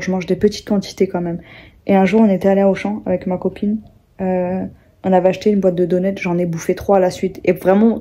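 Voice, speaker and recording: A woman's voice: mid-range voice, warm tone. A young French woman vlogging in casual chat, rambling with many fillers and restarts, sleepy.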